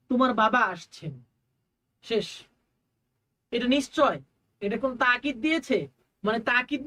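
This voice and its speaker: A woman teacher gives an exam-prep lecture in a fairly high voice. She asks her own questions and then answers them, and she draws out each recited phrase slowly before explaining it. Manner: slows down and drawls when reciting Arabic phrases.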